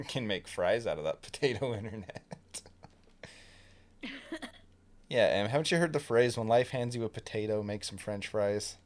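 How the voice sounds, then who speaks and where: Man, streamer, low-ish voice, relaxed joking chat. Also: moderate pace, pauses often. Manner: laid-back, joking, chatty. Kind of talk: casual livestream chat.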